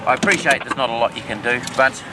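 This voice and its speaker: A man's voice: mid-range voice, fast talker. A man with a New Zealand accent chatting casually to police on a very noisy street.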